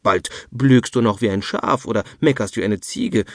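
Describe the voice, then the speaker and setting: A male audiobook narrator voicing a fussy, hard-of-hearing old grandmother with shrill, squealing exclamations. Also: lively intonation, normal speed, fairly bright tone, no echo, studio quality. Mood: indignant. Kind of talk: audiobook character voice.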